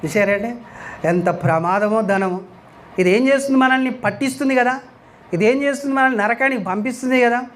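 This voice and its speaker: A male preacher delivers a sermon with a notably high-pitched voice. He speaks emphatically, asks rhetorical questions and repeats scripture lines after they are read. A faint hiss sits under the recording. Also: a little fast.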